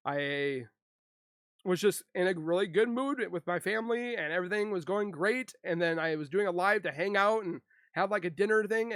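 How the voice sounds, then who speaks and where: A YouTuber with a somewhat high, fairly bright voice vents his frustrations to his online audience, speaking haltingly, restarting often and holding back tears. The recording is close and dry, with no room sound.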